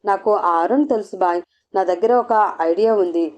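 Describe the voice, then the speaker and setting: A woman's voice: medium pitch, moderate pace, darkish tone, natural voice. A woman voicing a loyal, grateful male henchman speaking earnestly, in a storybook reading. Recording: dull lo-fi audio.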